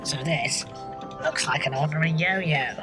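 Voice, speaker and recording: A man's voice: fairly high pitch, normal speed, over music, voice pushed up, natural voice. A man voicing a scheming, mischievous male elf from the North Pole in a comedy podcast sketch. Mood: sly. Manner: sly and mischievous, relishes sabotage.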